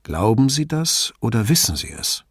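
Male narrator's measured police commissioner, husky, dry close sound, audiobook questioning. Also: mid-range voice, big pitch swings, no room sound. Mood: probing. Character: middle-aged male police commissioner, probing, calm.

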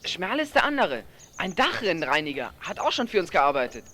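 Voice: mid-range voice, very animated, brisk, pushed and bright. Cheeky chubby teen boy, someone acting him, voice bouncing all over, boasts and whines. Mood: chatty. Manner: chatty, boastful, whiny. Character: chubby cheeky teenage boy, food-loving. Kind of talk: radio play acting.

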